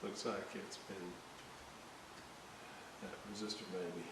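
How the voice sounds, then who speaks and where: In a very echoey indoor workshop, a man with a voice on the low side narrates his electronics repair video from a distance from the mic, under a steady hiss. He speaks slowly and haltingly, casually thinking aloud while he works at the bench.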